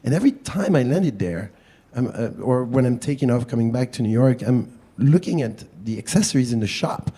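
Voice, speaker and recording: A man's voice: mid-range voice, animated, brisk, mellow, husky. A man from France with a French accent, speaking informally on a public panel in a chatty, self-deprecating way. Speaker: panel speaker, wildlife activist.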